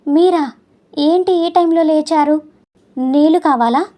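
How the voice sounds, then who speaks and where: A woman's voice: high voice, fairly even intonation, moderate pace, mellow, lightly acted. A woman voicing an anxious middle-aged wife who speaks in a faltering, tearful way in a storybook reading.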